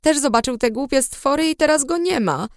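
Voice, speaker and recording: A wounded teenage girl speaks in short, cold replies, with a shake in her voice, as a woman narrator puts her on. She sits a little higher than the narration. The sound is close and dry, with no room around it. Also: expressive, fairly quick, no echo. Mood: bitter. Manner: curt, bitter, trembling. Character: upset teenage girl friend, cold and hurt.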